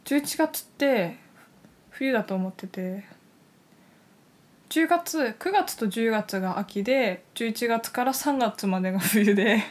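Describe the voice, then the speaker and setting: A woman's voice: fairly high pitch, expressive, takes it slowly. A young woman, a university student, co-hosting a radio-style talk show with casual chat and politely scripted greetings. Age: young adult, university student.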